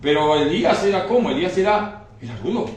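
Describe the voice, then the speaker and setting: A man's voice: high voice, lively intonation, fast talker. A man preaching a sermon emphatically, often asking the congregation whether they understand. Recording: very echoey hall, mic far off.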